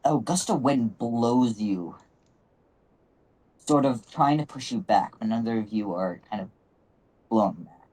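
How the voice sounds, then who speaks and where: A man with a medium-pitched voice acts as game master. He narrates fantasy scenes descriptively and talks casually with the players at the table. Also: expressive, slow pace, long pauses, a little mellow, rough recording.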